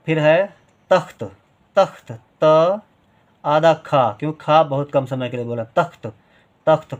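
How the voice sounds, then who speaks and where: A man guides a writing lesson at an unhurried pace. He repeats each syllable and draws vowels out to show their length. His voice sits at an ordinary middle pitch. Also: lo-fi sound. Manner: slow, patient, repeats syllables and stretches sounds to show length. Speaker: Hindi writing teacher. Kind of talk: step-by-step spoken lesson.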